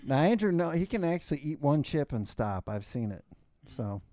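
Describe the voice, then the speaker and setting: Laid-back man with quick quips. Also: a little high, very animated, mellow. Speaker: radio show co-host. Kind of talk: casual studio banter. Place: radio studio.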